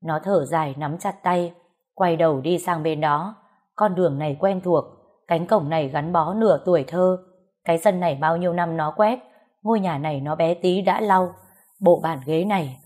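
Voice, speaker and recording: A woman narrating a dramatic ghost story in a calm, measured reading. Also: lowish voice.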